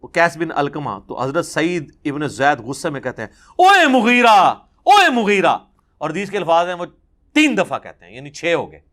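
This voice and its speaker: A male preacher delivers a passionate religious lecture. His voice sits somewhat high for a man, and he stresses his points through forceful repetition. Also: animated. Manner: impassioned, recounts hadith with emphatic repetition. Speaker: religious speaker.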